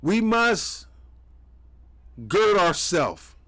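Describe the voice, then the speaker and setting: Male commentary host, slightly high voice, preachy and mocking. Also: sing-song, extremely slow, fairly bright tone. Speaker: commentary host reacting to clips. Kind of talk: heated political commentary.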